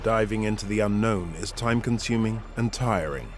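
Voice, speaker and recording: A man delivers scripted documentary narration in the manner of a nature film. His voice sits on the low side, and music plays clearly behind him. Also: normal speed. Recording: music under the voice. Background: prominent background music.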